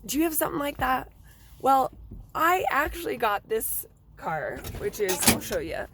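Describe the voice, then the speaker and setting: A woman vlogger, hoarse and raspy from seasonal laryngitis, chatting casually outdoors beside her car with a self-joking manner and many fillers. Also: high voice, very animated, normal speed, background noise. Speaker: real estate vlogger. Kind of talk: casual vlog talk.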